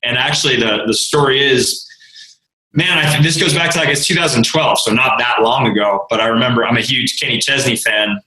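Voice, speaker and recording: Bright-voiced easygoing radio DJ in an echoey room. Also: male voice, mid-range voice, a little fast. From Rhode Island, USA. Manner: easygoing storyteller, laughs often. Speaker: country radio DJ, guest. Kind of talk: casual interview chat.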